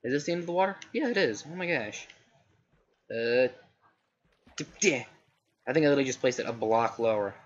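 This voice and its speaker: This young gamer's medium-pitched, slightly scratchy voice is brisk with lively intonation, yet he pauses often while giving casual, rambling let's play commentary. He keeps correcting himself mid-sentence, recorded at home with a slightly dull sound and faint noise.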